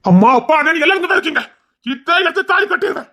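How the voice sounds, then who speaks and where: A man's voice: very high-pitched, lively intonation, fast, sharp tone, heavily acted. A young actor with a Tirunelveli Tamil accent playing a stubborn young man who insists, defiant and pleading. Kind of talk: dramatic serial acting.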